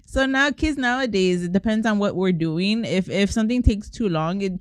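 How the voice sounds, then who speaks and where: A woman's voice: medium pitch, normal speed, smooth, dry recording. Giggly woman co-host, dry sound. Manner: giggly, teasing. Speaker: podcast co-host. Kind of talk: casual chat.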